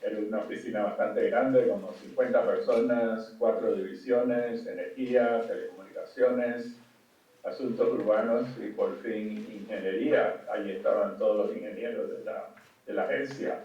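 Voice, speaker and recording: An older man from Cuba giving a conference talk over a video call, halting with many fillers and restarts. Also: on the low side, fairly even intonation. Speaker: conference speaker. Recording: distant, dull, echoey call audio.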